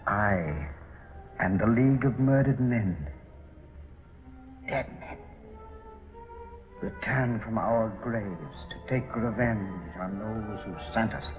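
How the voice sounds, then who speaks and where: Slow, grim reaper-like villain. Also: male voice, lowish voice, animated. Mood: grim menace. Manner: slow, menacing, theatrical. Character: sinister criminal mastermind posing as the voice of death. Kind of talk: 1940s film serial villain acting. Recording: muffled old film soundtrack with loud music.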